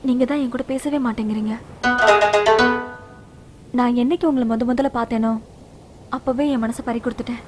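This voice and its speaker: A woman's voice: a little high, fairly even intonation, brisk, long pauses, natural voice. A woman playing an earnest lovelorn young woman. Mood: pleading. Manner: earnest, pleading. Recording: film soundtrack with loud music behind.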